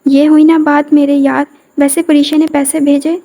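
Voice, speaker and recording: An easygoing young man teases his friend and suggests going out, read by a woman narrator. The voice is high and mellow. It is a casual audio novel reading. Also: level tone.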